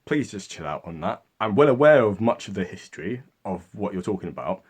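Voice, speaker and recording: A man's voice: fairly low pitch, fairly quick, breathy edge. Chatty man doing a casual video talk. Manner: chatty and animated, mimics commenters and mates in exaggerated voices. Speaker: history channel host.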